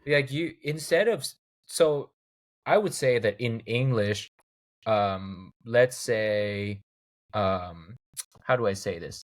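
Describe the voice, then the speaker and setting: A man in his thirties from Thailand, a guest chatting casually in an interview and acting out examples as he talks. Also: takes it slowly. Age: 30s. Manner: animated storyteller, acts out quoted lines in a higher voice. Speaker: guest, video game composer.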